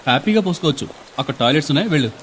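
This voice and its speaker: An actor playing an exasperated traveler who answers a pestering seatmate with snappy, sarcastic replies. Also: male voice, a little high, expressive, very fast, fairly bright tone, slight background noise. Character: exasperated city traveler stuck with a pest. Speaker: actor in a film comedy scene. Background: film background music.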